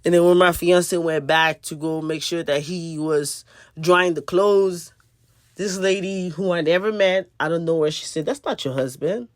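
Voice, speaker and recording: A woman's voice: lowish voice, fairly even intonation, unhurried, no echo, clean studio sound. A woman telling a personal spiritual testimony in an earnest, conversational way, repeating phrases for emphasis. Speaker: spiritual video host.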